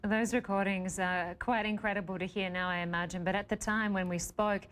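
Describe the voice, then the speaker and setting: A woman broadcast interviewer asking questions in a gentle, sympathetic way. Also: medium pitch, steady tone, fairly quick, a little hiss or hum.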